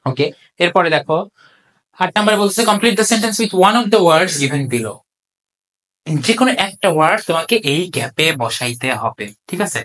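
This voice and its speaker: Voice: mid-range voice, expressive, fairly bright tone. An English tutor, recording an exam-solution lecture, working through answers step by step with many rhetorical questions and frequent checks that students follow. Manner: reads English sentences out slowly and deliberately. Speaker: English tutor for admission exams.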